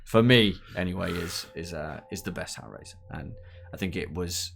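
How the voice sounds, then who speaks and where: A man's voice: sits low, normal speed, creaky, a bit bright, breathy edge. A man co-hosting a live stream, answering viewer questions in a rambling casual chat. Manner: rambling, full of restarts and fillers.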